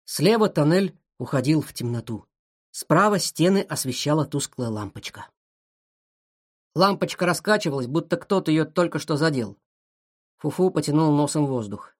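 A storyteller reading a children's adventure aloud, with a voice that rises and falls in lively swings. The delivery is expressive and animated, pitched in a middle register. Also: normal speed. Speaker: narrator. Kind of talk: children's audiobook narration.

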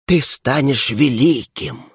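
A man voicing an arrogant, hissing female darkness in an audiobook, speaking in a slow, drawn-out, imperious way. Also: mid-range voice, breathy edge, no room sound, clean studio sound. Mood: coaxing. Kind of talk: audiobook character reading.

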